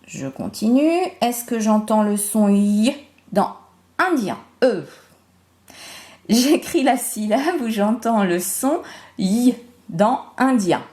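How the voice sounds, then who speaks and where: Slow, lively-voiced woman teaching phonics. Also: on the high side. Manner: slow, deliberate, spells out syllables and sounds. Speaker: primary school teacher. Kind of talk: remote phonics lesson for young children.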